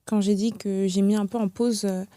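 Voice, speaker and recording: Young woman guest, reflective and hesitant, mellow timbre, dry close sound. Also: medium pitch, fairly even intonation, moderate pace, no echo. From France. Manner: reflective, hesitant, many fillers and restarts. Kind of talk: casual podcast conversation.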